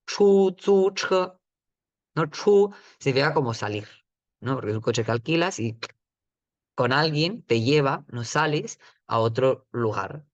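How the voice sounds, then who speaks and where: A man's voice: mid-range voice, expressive, measured pace, a bit bright, dry recording, lo-fi sound. Man teaching patiently in a dry room. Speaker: Chinese teacher. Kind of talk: explanatory lesson.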